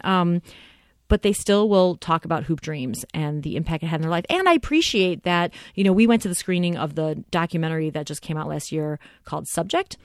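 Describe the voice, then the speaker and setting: A woman co-hosting a casual film podcast, talking excitedly and rambling with lots of fillers. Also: lowish voice, dry recording, clean studio sound. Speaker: podcast co-host.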